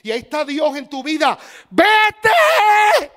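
A man preaching a sermon, animated and talking straight to his listeners, swinging between loud and hushed. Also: very high-pitched, a little slow.

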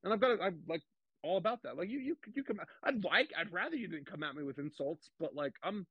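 A young man speaking candidly as a podcast guest, halting and repeating words, emotional about his family. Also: high-pitched, very animated, husky, no echo, dull audio.

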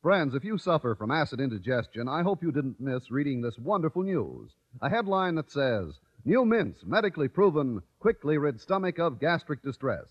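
A man reading a vintage radio advertisement as an announcer, with emphatic, deliberate salesmanship. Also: on the high side, big pitch swings. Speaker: commercial announcer. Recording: dull vintage radio broadcast.

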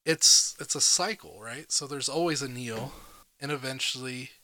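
Laid-back man with a bright, dry voice. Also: medium pitch, moderate pace, no room sound. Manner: laid-back, chuckles often, lots of fillers. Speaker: podcast co-host. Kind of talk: casual chat.

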